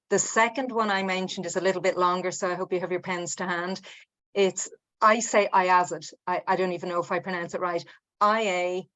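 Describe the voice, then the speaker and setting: Low-voiced Irish woman explaining. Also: a bit bright. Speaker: physician panelist. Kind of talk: casual panel discussion.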